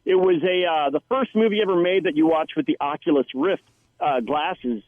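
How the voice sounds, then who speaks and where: A man who is an actor, chatting as a guest and telling stories with lively quoted lines. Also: fairly high pitch, normal speed, no room sound. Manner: animated storyteller, quotes others. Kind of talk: casual interview chat. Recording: dry tinny phone-like line.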